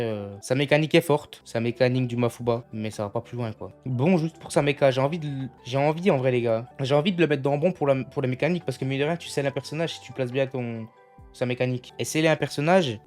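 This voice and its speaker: A young gaming streamer chats casually with his viewers live, thinking aloud and repeatedly calling the chat "les gars." His voice is mid-range and a touch mellow.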